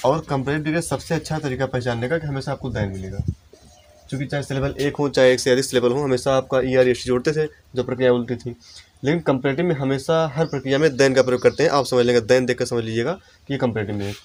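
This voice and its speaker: Man teaching grammar, dictating slowly. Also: medium pitch, darkish tone. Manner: explains step by step, slows to dictate example sentences. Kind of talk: Hindi-language classroom lesson.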